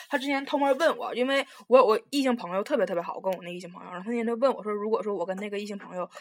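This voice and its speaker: A young woman, telling a story in casual chat, rambling and animated with lots of restarts. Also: mid-range voice, a little hiss or hum. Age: young adult.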